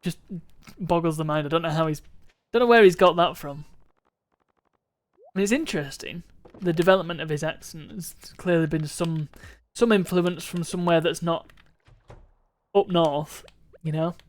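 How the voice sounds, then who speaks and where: Gaming on a live stream, a man with a somewhat high voice chats casually at a normal speed. He rambles and muses aloud, drifting between thoughts with restarts and chuckles.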